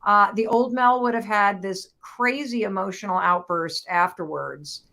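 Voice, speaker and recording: Female live-stream host, medium pitch, halting, emotional, overwhelmed, on the edge of a breakdown. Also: gravelly, bright, forceful tone. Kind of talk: motivational talk to live online audience.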